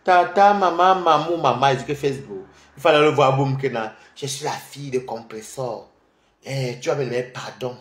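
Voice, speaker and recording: Male streamer; animated, scornful gossip commentary with lots of repeated words, in a roomy, echoing space. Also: medium pitch, moderate pace. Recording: roomy echo.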